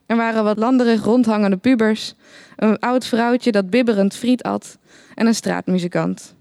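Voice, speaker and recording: Een vrouw leest een verhaal voor in de ik-vorm, droog en laconiek verteld. Haar stem is vrij hoog en klinkt dicht en droog opgenomen, zonder galm. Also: female voice, fairly high pitch, normal speed, dry recording. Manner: dry, deadpan first-person narration. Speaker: narrator. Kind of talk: reading a satirical short story aloud.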